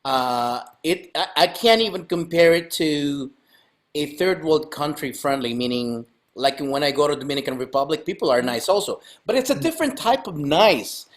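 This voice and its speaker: A middle-aged man hosting a casual interview over a video call from home, animated and joking, laughing often. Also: a little high, moderate pace. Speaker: podcast host. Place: home room indoors. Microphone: video call webcam.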